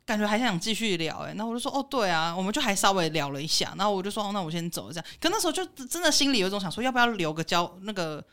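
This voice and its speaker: A young woman with a Taiwanese Mandarin accent rattles off anecdotes in a casual podcast conversation. She speaks extremely fast. Her pitch rises and falls freely as she tells her stories. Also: animated, a bit bright, clean tone. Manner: rapid, chatty anecdotes. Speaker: podcast co-host. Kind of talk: casual chat.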